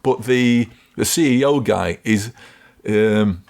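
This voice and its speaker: A man with a low, gravelly voice chats casually on a podcast. He rambles and stops to correct himself, but lands his points with emphasis. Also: slow pace, a little mellow. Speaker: podcast co-host.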